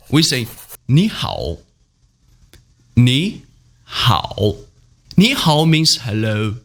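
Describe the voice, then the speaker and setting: A man teaching a beginner language lesson, speaking slowly and having listeners repeat after him. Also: medium pitch. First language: Mandarin Chinese. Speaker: Mandarin teacher and channel host.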